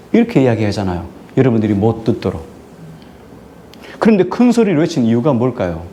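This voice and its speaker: A male pastor preaching a sermon to his congregation, putting questions to them and answering them himself, and drawing out key words slowly for emphasis. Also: medium pitch, mellow, slight background noise. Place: church sanctuary.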